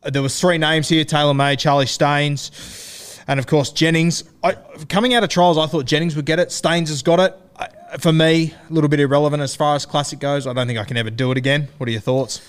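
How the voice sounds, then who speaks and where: A man's voice: fairly high pitch, fairly even intonation, brisk, smooth. An Australian man hosting a sports podcast in a casual, broad, slangy, blokey style. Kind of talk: casual fantasy rugby league chat.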